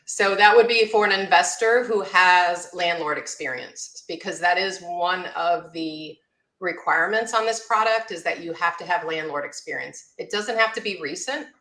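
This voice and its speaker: A woman's voice: fairly low pitch, moderate pace, bright, forceful tone. A woman, a mortgage loan officer, explaining loan terms in a matter-of-fact way as an interview guest. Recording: roomy echo.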